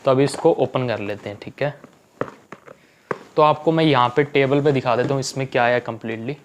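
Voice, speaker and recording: A young male vlogger chats casually through a home unboxing video, speaking fairly quickly in a mid-range voice and frequently checking in with "okay" and "theek hai." The audio has its highs cut off and slight background noise.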